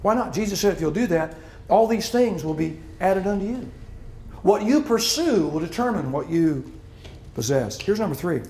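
A man's voice: sits high, animated, normal speed, dark tone, reverberant, a little hiss or hum. A middle-aged man preaching a sermon as pastor, emphatic and repeating his key lines. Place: church hall.

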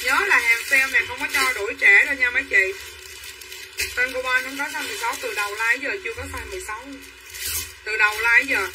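An online clothing seller with a fairly high voice chatters through a livestream sales pitch, repeating hard-sell lines and calling buyers by name. The mic is distant, leaving her a bit off-mic with faint room noise.

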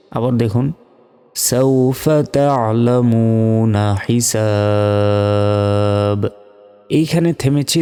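A man's voice: mid-range voice, warm tone. Man teaching Quran reading, long reverb. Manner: spells out letters and vowel marks slowly, then chants the word drawn out. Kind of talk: step-by-step recitation lesson.

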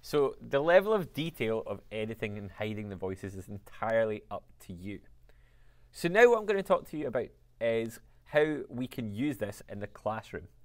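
A male music teacher giving an upbeat software tutorial. His pitch moves in a lively, animated way as he explains each step. He addresses his viewers directly and keeps things chatty. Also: moderate pace.

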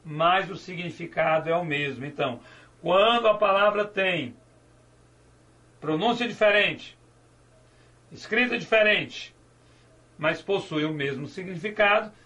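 A man's voice: high voice, expressive, a little slow, pushed and bright. A male teacher giving a grammar lecture, asking and answering his own questions and drawing out key words. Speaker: Portuguese teacher.

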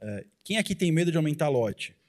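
A man's voice: a little high, very animated, fairly quick, a little mellow. Blunt, pushy man on a handheld mic. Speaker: trader and co-presenter. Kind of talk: motivational talk on stage. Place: large conference hall with audience.

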